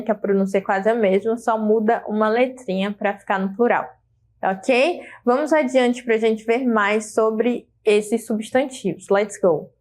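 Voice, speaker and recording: A Brazilian woman with a Brazilian Portuguese accent teaches an English grammar lesson in a fairly high voice. She explains patiently and checks in with her students.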